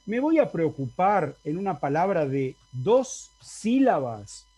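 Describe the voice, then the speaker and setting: A male university Latin teacher with an Argentine Spanish accent gives an online lecture over a video call, often checking in with the class to confirm they follow. His voice is on the high side and dark in tone, very animated yet slow-paced. He explains things and keeps asking the students for confirmation.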